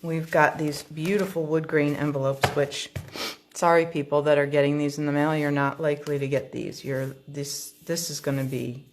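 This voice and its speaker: A woman's voice: deep voice, steady tone, normal speed, a little hiss or hum. A woman hosting a card-making tutorial, chatting casually through an unboxing and thinking aloud with frequent ums.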